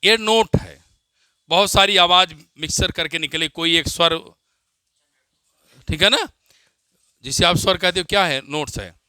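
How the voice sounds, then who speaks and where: A man with an Indian accent teaching physics, dictating definitions slowly, repeating phrases and quizzing his students. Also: sits high, sharp tone, clean tone, no echo. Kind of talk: classroom lecture with dictation.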